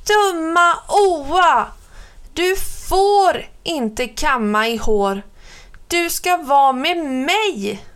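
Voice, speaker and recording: A woman voicing a stubborn, clingy little girl who cries and shouts her words out slowly. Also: high-pitched, lively intonation, voice pushed up. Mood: pleading. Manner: wailing, drawn-out crying shouts.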